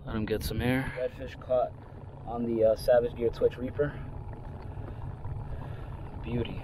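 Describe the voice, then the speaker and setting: A man in his thirties, a fishing vlogger, chatting excitedly to the fish and viewers on a small boat outdoors, recorded on an action camera. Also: mid-range voice, measured pace, background noise. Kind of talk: casual on-the-water commentary. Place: outdoors on a small skiff on open water. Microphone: action camera on his body.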